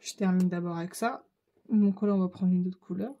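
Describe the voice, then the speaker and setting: Husky woman with a Ch'ti accent. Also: fairly low pitch, steady tone, a little fast, mellow. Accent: Ch'ti (northern France). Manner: chatty, thinks aloud while painting. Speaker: craft channel host. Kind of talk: casual art-supply demo.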